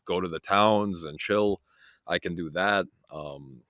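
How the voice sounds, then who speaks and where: Guest, young man, very low voice, relaxed chatty delivery, dry sound. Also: slow, no room sound. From Toronto, Canada. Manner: easygoing, relaxed, filler-heavy. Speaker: guest, freight broker. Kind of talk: casual interview chat.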